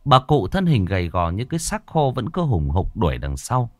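A man narrating a horror story in a dramatic, expressive way. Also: lowish voice, moderate pace.

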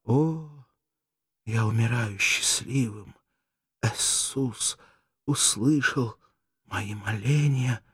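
A man reading an audiobook, voicing a dying wounded warrior who speaks in a weak, faltering, breathy voice. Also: mid-range voice, extremely slow, long pauses, no echo, studio quality. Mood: faint tender.

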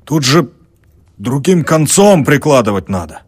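A rough old-time coachman hollers and jeers, loud and mocking, as a male narrator puts him on. The pitch rises a little above the reader's deep, husky voice. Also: slow pace, no echo, heavily acted.

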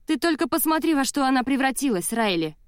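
A woman reading an audiobook, voicing a spiteful adult woman who speaks with sharp, raised contempt. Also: medium pitch, brisk, smooth, no echo, studio quality, close to an everyday voice. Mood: indignant. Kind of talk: audiobook character voice.

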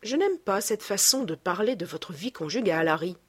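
A woman's voice: mid-range voice, animated, normal speed, husky. A woman reading aloud as a young male painter, earnest and emphatic, guarding a secret.

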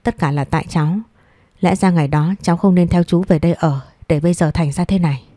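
A woman's voice: lowish voice, fairly even intonation, fast talker, no echo, studio quality, lightly acted. A woman voicing a humble, polite young woman in an audio story, speaking deferentially. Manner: soft, deferential.

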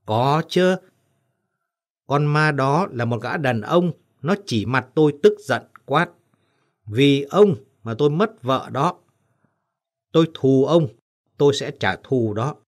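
A man's voice: medium pitch, expressive, takes it slowly, pauses often. A man voicing a boastful, fearless middle-aged woodcutter in an audiobook story.

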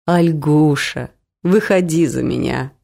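A woman lowering her voice for a murmuring older man, slow, soft, lovesick uncle. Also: vocal fry, full character voice. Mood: tender.

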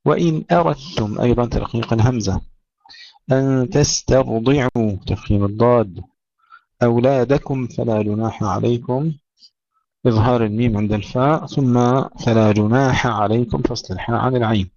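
Give me a man teaching Quran recitation in a dry, close recording, reciting slowly, then explaining briskly. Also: mid-range voice, darkish tone, no echo. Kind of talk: tajweed lesson. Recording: dull lo-fi, dry sound.

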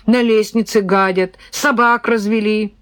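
A woman voicing a cantankerous old man, a quarrelsome pensioner, in an audiobook, talking slowly and querulously. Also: mid-range voice, steady tone, dry recording, voice pushed up, close to an everyday voice. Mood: querulous, indignant.

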